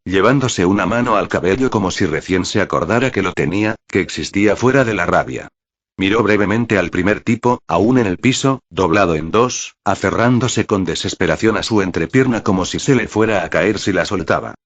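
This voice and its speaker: A man narrating a fan fiction story in a measured, dramatic reading. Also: deep voice, no room sound. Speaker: fanfic narrator.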